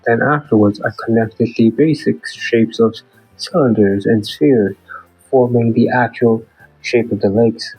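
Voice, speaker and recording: Still sounding off after the flu, a man running his own channel as a beginner artist narrates his scripted weekly progress update in a plain, earnest way. He speaks unhurriedly in a medium-pitched, steady voice that is darkish and slightly rough. The low-quality recording has faint music behind it and no echo.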